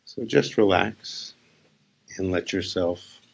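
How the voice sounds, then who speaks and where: In a live session, a man leads a guided meditation in a very low, gravelly, creaky voice. Speaking as a spiritual teacher, he offers short phrases unhurriedly, pausing between each.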